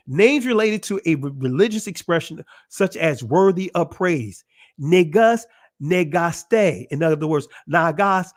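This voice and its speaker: A man giving a casual religious teaching talk, emphatic and repetitive, often asking rhetorical questions and laughing between points. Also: sits high. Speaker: channel presenter.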